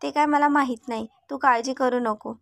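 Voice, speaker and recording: Brief: woman doing stern boss father, high, dry delivery. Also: fairly even intonation, moderate pace, creaky, dry recording. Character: stern wealthy middle-aged father giving orders.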